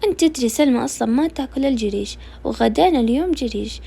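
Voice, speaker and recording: A woman's voice: high-pitched, expressive, very fast, creaky, warm tone, slightly rough, exaggerated voice. A woman voicing an outspoken, blunt young Najdi sister. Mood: indignant. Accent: Najdi Saudi.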